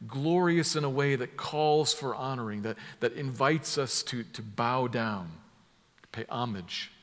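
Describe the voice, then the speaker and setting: A man preaching a sermon, drawing listeners into vivid scenes, moving from hushed asides to loud emphatic lines. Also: mid-range voice, a little slow, in a large hall. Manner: emphatic, builds from soft to loud with vivid imagery.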